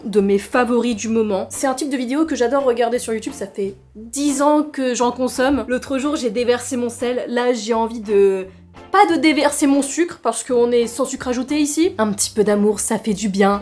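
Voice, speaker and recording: A woman's voice: a little high, a little mellow. A woman talking to camera in a casual vlog, playful and sarcastic, with jokey asides. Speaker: YouTuber. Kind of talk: casual vlog monologue with sponsor read.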